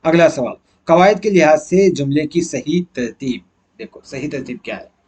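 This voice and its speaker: Male teacher, husky and slightly high voice, talks through an exam answer key step by step. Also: expressive, darkish tone. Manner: explains step by step, asks and answers his own questions.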